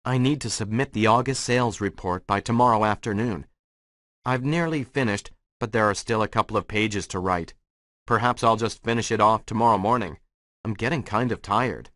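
An actor playing a tired male office worker in a scripted listening-test dialogue, speaking in a plain, measured way. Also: lowish voice, a bit bright, no room sound, clean studio sound, natural voice.

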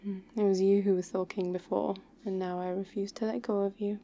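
A woman playing an affectionate, pouty young girlfriend in an intimate, soft ASMR role-play for ASMR. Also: medium pitch, vocal fry, close to an everyday voice. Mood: playfully pouty. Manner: intimate soft voice dropping into speaks softly, slow and tender.

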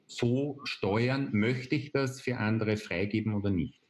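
A man, explaining a software tool step by step on a video call, with frequent hesitation fillers. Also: lowish voice, measured pace. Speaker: presenter. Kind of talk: online webinar demonstration. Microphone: video call webcam.

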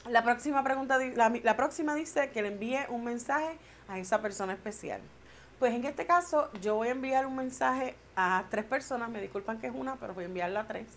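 A woman talks to her viewers in a relaxed vlog, teasing and joking one moment and tender the next. Her voice sits fairly high. A faint hum of room ambience hangs behind her. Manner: playful, chatty, joking; tender and sentimental. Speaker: beauty vlogger. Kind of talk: casual tag video chat.

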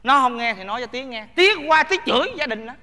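A man's voice: very high-pitched, animated, bright, forceful tone, full character voice. Drawling old father. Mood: puzzled. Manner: drawling, slow. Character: slow-talking old father, dazed and curious. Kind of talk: stage comedy sketch.

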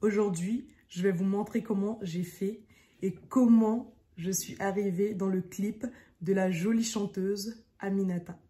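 A woman's voice: medium pitch, steady tone, measured pace. A young woman from French Guiana, an actress, chatting enthusiastically to camera in a casual vlog from an indoor apartment room. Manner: bubbly, enthusiastic, warm fillers. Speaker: actress vlogger.

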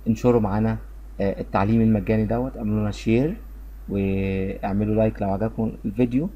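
A man with an Egyptian Arabic accent teaching a beginner English lesson, patiently explaining and slowly repeating short phrases for drilling. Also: lowish voice, dark tone, husky.

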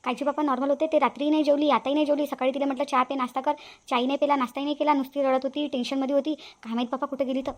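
A woman's voice: high-pitched, level tone, racing, lightly acted. A woman voicing a chatty village daughter-in-law. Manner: exclaiming, gossipy. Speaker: cartoon voice actress. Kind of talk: cartoon family drama dubbing.

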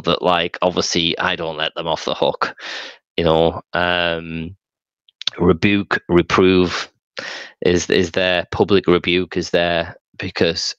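A man's voice: sits low, fairly bright tone, clean tone, no echo, highs cut off. A middle-aged man telling stories in a casual, rambling but emphatic way over a headset on a video call. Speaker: street evangelist being interviewed. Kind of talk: casual conversational storytelling. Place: small room at home, video call. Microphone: headset microphone.

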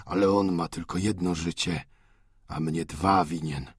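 A man's voice: sits low, gravelly, fairly bright tone, slightly rough, no echo, studio quality, exaggerated voice. Man voicing an old frail grieving father. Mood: cold. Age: older. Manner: broken, halting outbursts of rage and tenderness. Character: elderly doting father, frail, furious with grief.

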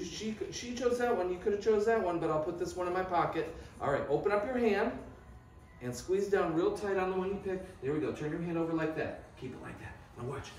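Animated kids' party magician, woman, echoey room. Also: on the low side, brisk. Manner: playful kids' party magician addressing children, coaxing and instructing. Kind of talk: live children's magic show patter. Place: indoor children's birthday party. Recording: echoey noisy room, distant microphone.

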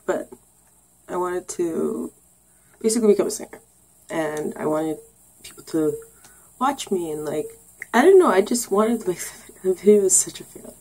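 A woman's voice: fairly low pitch, lively intonation, normal speed, long pauses, mellow, a little hiss or hum, low-quality recording. A young woman vlogging casually, rambling and giggling, with lots of ums and sarcastic asides. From Canada. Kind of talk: casual get-to-know-me vlog.

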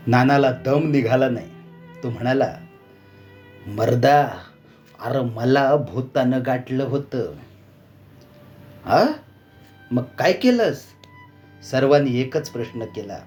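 A man narrating a folk tale in a measured, dramatic storytelling manner, also hosting the channel. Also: mid-range voice, darkish tone. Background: faint background music.

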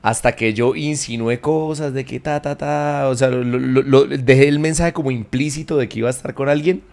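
A man, hosting a podcast, joking and laughing with quick interjections. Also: medium pitch, fairly even intonation, vocal fry, a little mellow. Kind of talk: casual interview chat.

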